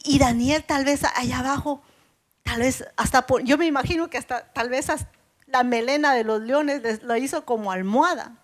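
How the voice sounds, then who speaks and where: A woman preaching an earnest sermon at a women's church service, slowing down to stress the scripture she quotes. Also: high voice.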